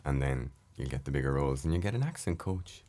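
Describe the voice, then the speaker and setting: Speaking very fast in an extremely deep voice, this young actor from Ireland is an interview guest in easygoing conversation. He tells stories about his job in a loose, talkative way.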